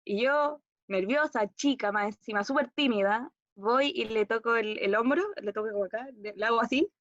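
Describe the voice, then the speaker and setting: A young woman with a Chilean accent recounts a personal story as a monologue exercise. Her voice sits a bit high, and she keeps circling back with fillers and self-corrections. The recording is dry and a little muffled. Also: moderate pace, fairly bright tone, dry recording. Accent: Chilean Spanish. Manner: rambling, hesitant storytelling with fillers and restarts. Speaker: acting student.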